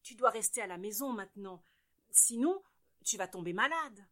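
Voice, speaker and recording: A woman voicing a caring, protective mother in a children's tale, gently firm. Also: medium pitch, expressive, moderate pace, lightly acted.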